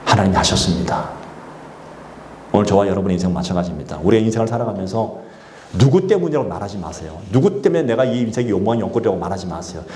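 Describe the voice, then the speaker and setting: A man's voice: on the low side, very animated, fast, a little mellow, slight background noise. A male pastor delivering a sermon and calling on the congregation to respond. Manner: exhorting, calls for congregation responses. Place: church sanctuary. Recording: echoey church sanctuary.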